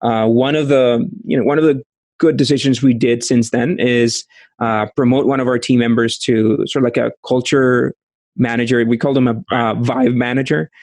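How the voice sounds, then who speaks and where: A man in his thirties from Costa Rica with a Costa Rican accent, answering interview questions over a video call, speaking haltingly with many restarts. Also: mid-range voice, fairly even intonation, darkish tone, dry recording. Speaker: startup founder. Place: small room at home, indoors. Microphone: studio mic with headphones.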